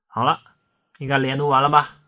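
A man teaching English pronunciation in a recorded online lesson. He explains in a playful, colloquial way and slows down to exaggerate his English examples. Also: medium pitch, completely flat delivery, pushed and bright.

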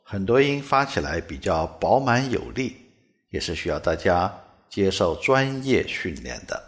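A man's voice: sits low, big pitch swings, measured pace. A man from China, a native Mandarin speaker, teaching English pronunciation in a spoken lesson and demonstrating sounds by repeating them with exaggeration. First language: Mandarin Chinese.

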